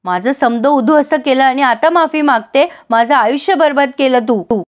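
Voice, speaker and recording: A fierce village mother, grief-stricken and bitter, who scolds and mocks her daughter-in-law. A woman reads her out in a high voice as she retells the serial. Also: normal speed, lightly acted.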